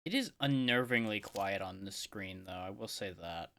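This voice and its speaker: A man streaming live gameplay, talking through his choices with playful, excitable, mock-boastful trash talk. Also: on the low side, normal speed, a little hiss or hum.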